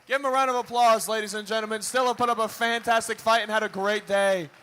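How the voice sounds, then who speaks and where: A man announcing a powerlifting meet live, working up the crowd like a showman with booming calls, drawn-out numbers and urging. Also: steady tone, bright, forceful tone, faint music behind. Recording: crowd noise in a live venue.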